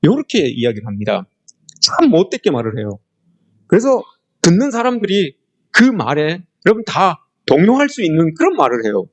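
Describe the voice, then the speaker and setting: A man's voice: fairly high pitch, wildly swooping pitch, moderate pace. A man preaching a sermon to his congregation, often turning to address them directly and acting out quoted complaints in a conversational style. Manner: conversational preaching in polite speech. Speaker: pastor.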